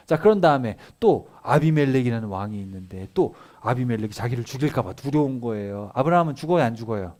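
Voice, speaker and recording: Male pastor asking rhetorical questions. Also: mid-range voice. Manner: keeps asking listeners rhetorical either-or questions; conversational, animated storytelling. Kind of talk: family sermon, casual retelling of scripture.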